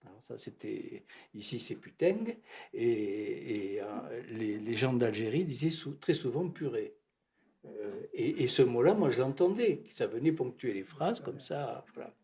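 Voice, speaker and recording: An older man from Algeria, a psychoanalyst, telling his memories at a bookshop talk in a halting, reflective way, often repeating words. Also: mid-range voice, expressive, dark tone. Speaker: psychoanalyst, guest speaker. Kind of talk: reminiscing talk at a bookshop event.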